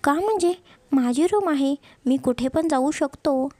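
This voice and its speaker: A woman's voice: high voice, expressive, unhurried, mellow, no echo. A woman voicing a strict young husband who speaks in a firm, commanding way. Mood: coaxing.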